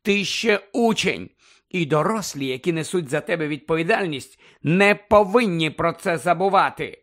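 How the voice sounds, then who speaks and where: A man voicing a worried, strict middle-aged mother who nearly shouts in her arguments. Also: lively intonation, moderate pace. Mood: agitated. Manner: shrill, pleading, nearly shouting.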